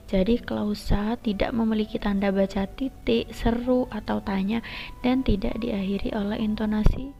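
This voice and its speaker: A woman teacher explaining a lesson step by step and addressing her students directly, her voice often trailing into a soft whisper. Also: fairly high pitch, vocal fry. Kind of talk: recorded classroom lesson. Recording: lo-fi dull recording.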